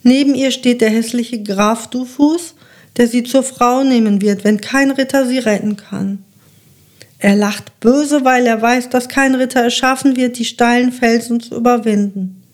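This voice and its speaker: A woman narrating a children's fairy tale in a calm, measured reading voice. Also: a little high. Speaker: storyteller.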